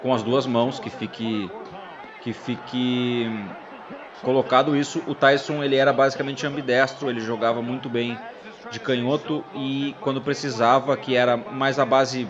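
Speaking at a moderate pace in a mid-range voice with fairly even intonation, this man provides relaxed commentary over vintage fight footage and trades jokes with his co-host. Crowd noise from the footage comes through loudly over a dull-sounding recording.

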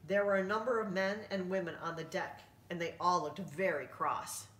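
A woman volunteer reading a picture book aloud to children, gentle and coaxing, chatting with her dog between pages. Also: lowish voice, steady tone, moderate pace. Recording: roomy room, distant mic.

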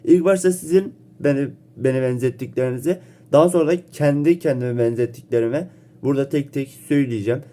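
A man's voice: medium pitch, mellow. A young man chatting casually to his viewers in a joking, self-teasing way, slightly ill so his voice sounds a bit off. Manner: joking, playful, quick reactions and self-teasing. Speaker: vlogger. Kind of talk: casual chat to camera.

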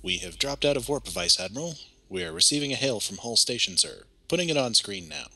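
A man voicing a dutiful male starship bridge officer, reading game dialogue aloud in a husky voice. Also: medium pitch, expressive, fairly quick, pushed and bright, exaggerated voice, rough recording. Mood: formal report.

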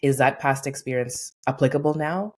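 A woman in her forties, a workplace consultant, appears as a guest on a video-call interview from a home room with a painting behind her. Her extremely low-pitched voice moves at a moderate pace as she tells stories earnestly and animatedly, acting out the quotes.

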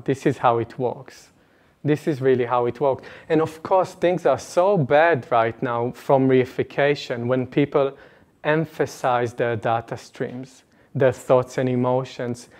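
A man gives an earnest, animated personal talk to a retreat audience, speaking into a lapel mic in an indoor meeting room. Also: mid-range voice. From Israel. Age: late 20s. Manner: earnest, animated, gestures broadly, laughs between points.

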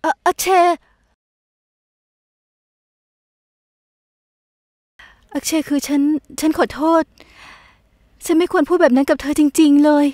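Actress dubbing a feisty high-voiced young wife. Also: female voice, fairly even intonation, normal speed, dry recording, studio quality, lightly acted. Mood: defensive. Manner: sharp, defensive retorts. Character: feisty young wife, quick to snap back. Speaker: lead character in a dubbed series. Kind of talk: dubbed series dialogue.

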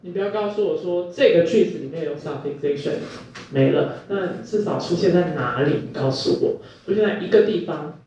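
A man's voice: fairly high pitch, a little fast, dark tone, slight background noise. A male university lecturer, teaching a class and quizzing students with repeated questions. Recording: echoey room, distant mic, muffled.

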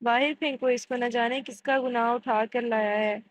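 A woman's voice: on the high side, fairly even intonation, dry recording, lightly acted, low-quality recording. A woman reading the lines of a stern, domineering middle-aged father in a storybook reading, scolding and commanding. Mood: harsh.

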